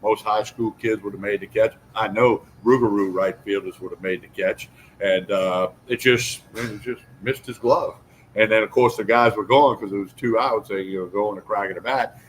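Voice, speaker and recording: A man with a fairly low voice co-hosts a sports talk show in a folksy, opinionated way. His talk is loose and full of fillers, and a faint hiss runs under the recording. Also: steady tone, normal speed, rough recording. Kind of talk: casual sports chat.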